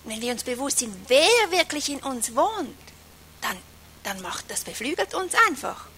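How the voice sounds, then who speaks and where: A woman preaching a sermon with strong emphasis, swinging from loud stresses down to whispers and slowing on key phrases. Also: high voice, sing-song, a little hiss or hum. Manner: emphatic, varies loudness a lot, drops to a whisper at times.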